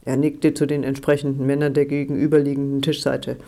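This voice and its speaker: A man's voice: mid-range voice, little pitch movement, a little fast, vocal fry, warm tone. A man reading a novel aloud as a narrator, voicing the characters' lines with only small changes to his voice. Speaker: audiobook narrator.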